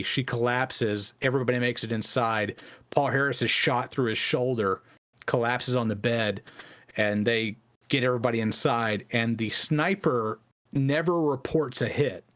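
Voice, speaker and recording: A man co-hosting a podcast, telling a long history story in a casual way. His voice sits in an ordinary middle pitch. He rambles, filling his sentences with fillers and asides. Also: fairly bright tone. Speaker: podcast co-host.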